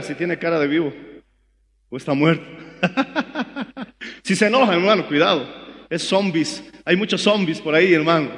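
A Bolivian man preaches a sermon with a high voice and a fervent delivery that swells into shouts. His voice carries through a large hall with a long, trailing echo. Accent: Bolivian Spanish. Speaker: pastor.

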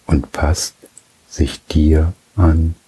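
A man guiding a relaxation journey in a soft, soothing way, with long pauses between phrases. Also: rumbling low, flat delivery, slightly rough, low-quality recording. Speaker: meditation guide.

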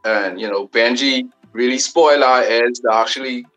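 A new recording artist from the Bahamas, speaking with a Bahamian accent, chats as a guest in a casual interview over a video call. His mid-range voice is fairly bright and moves at normal speed, loose and rambling with many fillers. Faint music plays behind him on a rough recording.

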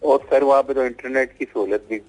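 A man's voice: medium pitch, fairly even intonation, a little fast, darkish tone, no echo, faint music behind, rough recording. Polite, hesitant male radio caller. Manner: polite, hesitant, many fillers. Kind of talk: call-in radio chat.

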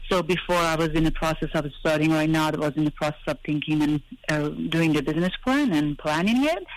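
A woman's voice: low-pitched, brisk, slight background noise. A middle-aged woman calling in over a phone line, hesitant and searching for her words. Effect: heard over a phone line. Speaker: caller. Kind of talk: call-in question.

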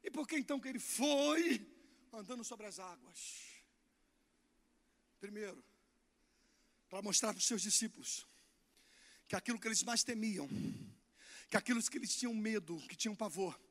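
A man with a Brazilian accent preaching a sermon in a church as guest preacher, swinging from soft to shouting and calling for responses from the congregation. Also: sits high, normal speed, pauses often.

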